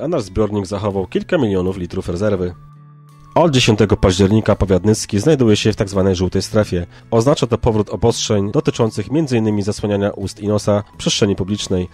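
A man reading scripted local news in a measured, formal way. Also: fairly low pitch, darkish tone. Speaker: news narrator. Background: background music.

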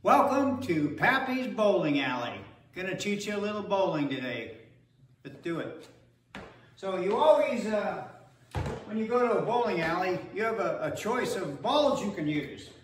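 A man's voice: sits high, very animated, normal speed. A man in his sixties hosting a playful, rambling how-to demonstration in a home hallway, recorded on wireless earbuds. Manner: joking, playful, rambling with fillers. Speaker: host. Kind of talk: comic how-to demo. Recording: echoey hallway with faint noise.

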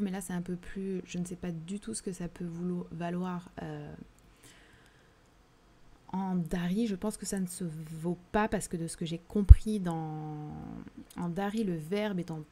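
A woman's voice: lowish voice, warm tone, slight background noise. Thoughtful woman with a southern French accent. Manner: thoughtful, hesitant, many fillers and restarts. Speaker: literary livestream host. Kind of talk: live book discussion reading chat questions.

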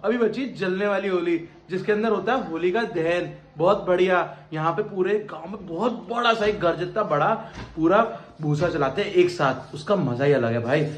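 A man's voice: sits high, normal speed, hardly any pauses, slight background noise. A young man chatting to his viewers in a casual, joking travel vlog, talking them through his day on a trip. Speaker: vlogger.

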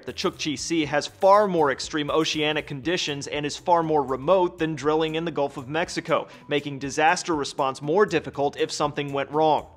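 A young man reading a scripted news report as anchor, in a crisp, measured newsreader delivery, recorded in a newsroom studio on a lapel mic. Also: on the high side.

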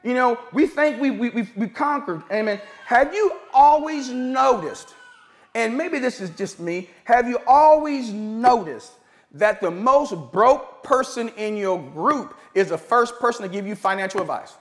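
Middle-aged pastor with a high voice, preaching casually and acting out little scenes for laughs. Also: male voice, lively intonation, a little slow. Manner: conversational preaching with comic asides and acted-out dialogue. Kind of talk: sermon.

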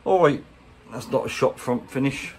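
In a handheld workshop recording with clear background noise, a man with a medium-pitched, slightly mellow voice speaks at a moderate pace with lively intonation. He's an English-accented boat restorer presenting a how-to, chatty and colloquial, hands-on, casual and plain-spoken.

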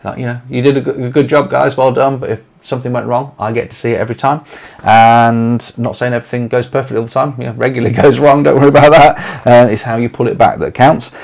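A letting agency owner in his forties with an East Midlands English accent chats casually to camera from a small home office, rambling with lots of fillers and restarts. He talks fast in a mid-range, creaky, slightly mellow voice with fairly even intonation.

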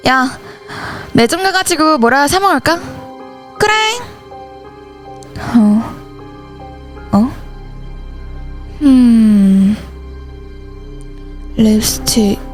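Woman doing all the voices in a school ghost story, high pitch, slow and drawn out, faint music behind. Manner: switches between several teenage schoolgirl characters in dialogue. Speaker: channel host and voice actor. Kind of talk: voicing every character in a school horror story.

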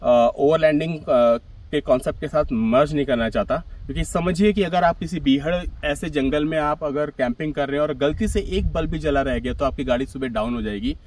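A man's voice: on the high side, a little fast, darkish tone, recorded from a distance, rough recording. A middle-aged man explaining, in a practical way, how he built his small camper van, recorded outdoors on a hillside. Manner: practical, explanatory, gestures while talking. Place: outdoors on a grassy hillside beside a small car. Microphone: camera at a few metres.

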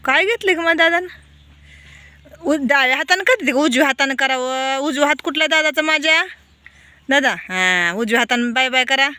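A woman's voice: high voice, moderate pace, pushed and bright, dry recording. A woman, vlogging at home as she coaxes her toddlers in a sing-song voice. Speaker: vlogger and mother. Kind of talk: casual home vlog talking to small children.

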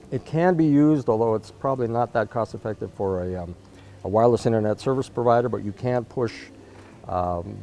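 A man in his fifties, a product marketer, demonstrates equipment at an indoor trade event interview spot. His fairly low, dark-toned voice comes with a little hiss or hum, and his unscripted explanations and interview answers have frequent hesitations.

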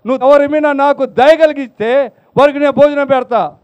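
A man preaching a sermon, firing rhetorical questions and swinging between loud emphasis and hushed asides, urging the congregation to applaud. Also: extremely high pitch, steady tone, brisk, lo-fi sound.

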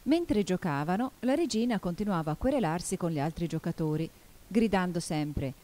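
Woman reading a kids story, lowish warm voice. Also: expressive, normal speed. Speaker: audiobook reader. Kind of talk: storybook narration.

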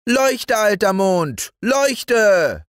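A man voicing a demanding, greedy little boy who shouts insistently for more. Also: wildly swooping pitch, slow, no room sound, studio quality, full character voice. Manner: shrill and insistent.

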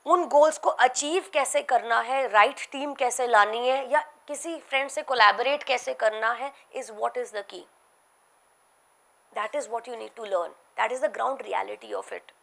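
A woman's voice: on the high side, racing, creaky, fairly bright tone. A middle-aged woman with an Indian accent giving an emphatic motivational lecture, repeating key phrases for weight. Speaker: entrepreneur giving a guest lecture. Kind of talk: motivational talk to students, switching between English and Hindi. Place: large auditorium stage, indoors.

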